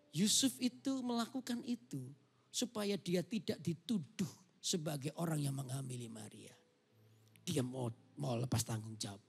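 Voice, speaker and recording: Gravelly-voiced preaching pastor. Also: medium pitch. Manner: acts out scenes, calls for amens. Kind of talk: sermon.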